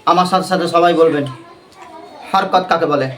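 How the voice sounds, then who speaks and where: A man's voice: on the high side, fairly even intonation, a little fast, over a noisy crowd, very noisy. A man teaching a Quran recitation class, quizzing the class with repeated questions and leading call-and-response.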